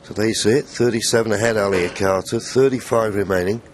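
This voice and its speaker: A man giving hushed live snooker commentary in measured phrases, pausing between thoughts. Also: on the low side. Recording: crowd and loud arena noise behind. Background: snooker arena crowd ambience.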